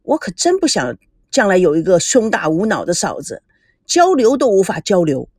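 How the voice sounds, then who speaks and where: A woman's voice: medium pitch, wildly swooping pitch, normal speed, darkish tone, husky, no room sound, studio quality. A woman voicing a cocky, clever teenage girl in an audiobook, talking in a coaxing, know-it-all way. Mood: teasing. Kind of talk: audiobook character voice.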